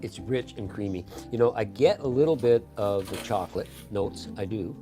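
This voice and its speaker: A man's voice: on the low side, normal speed, dark tone, faint music behind. A man presenting a cooking demo, savoring his drink and gushing over how it tastes. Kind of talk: food demo and tasting.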